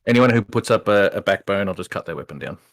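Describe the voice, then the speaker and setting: A man's voice: low voice, animated, quick pace, dry recording, clean studio sound. A man chatting casually as a player in a tabletop role-playing game, saying what his character does.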